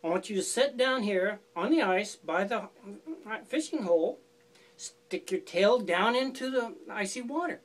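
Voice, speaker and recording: A woman's voice: mid-range voice, animated, a little slow. A woman voicing a sly male fox who gives falsely friendly, coaxing instructions in a folk tale. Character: sly scheming male fox, smooth talker.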